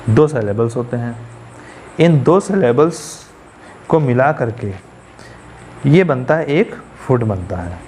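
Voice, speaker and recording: A man's voice: mid-range voice, expressive, slow pace, pauses often, darkish tone, a little hiss or hum. A man teaching poetry as a class lecture, repeating key terms and putting questions to the students. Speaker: English teacher.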